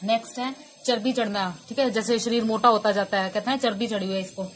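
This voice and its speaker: A woman's voice: a little high, steady tone, fast talker, soft background music. A woman teaching English vocabulary in Hindi, asking each word as a question and answering it herself.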